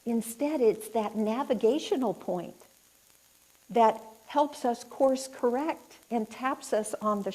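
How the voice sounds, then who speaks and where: Slow, earnest woman giving a reflective talk. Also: fairly high pitch, mellow, poor audio. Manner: earnest, reflective, poses questions to the audience. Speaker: inspirational speaker and life coach. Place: spiritual center hall, indoors.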